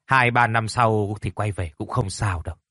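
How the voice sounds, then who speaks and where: A man voicing a kindly old village chief in a storybook reading, talking in a gruff, paternal way. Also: on the low side, moderate pace, bright, forceful tone, no room sound, studio quality. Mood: fatherly.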